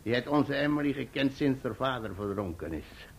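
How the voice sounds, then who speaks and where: An actor playing Peggotty, an older, hearty and emotional fisherman who talks in a rough, jovial way and laughs often in a radio play. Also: mid-range voice, animated, normal speed, highs cut off.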